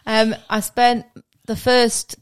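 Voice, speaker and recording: A woman's voice: fairly high pitch, level tone, takes it slowly, smooth. A woman, co-hosting a podcast in a chatty, practical way. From Oxfordshire, England. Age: 50s. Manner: chatty, practical, finishes his sentences. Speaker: podcast co-host. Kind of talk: casual chat.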